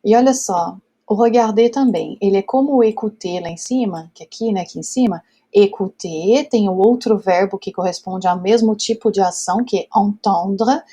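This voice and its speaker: Brazilian woman teaching French, mellow voice. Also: medium pitch, moderate pace, slightly rough. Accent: Brazilian Portuguese. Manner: patient, explains step by step, checks in often with "ok?" and "tá certo?". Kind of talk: whiteboard grammar lesson.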